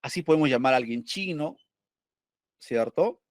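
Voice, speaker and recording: A man's voice: mid-range voice, lively intonation, normal speed, dry recording, studio quality. A male teacher going over test questions, explaining step by step and asking and answering his own questions.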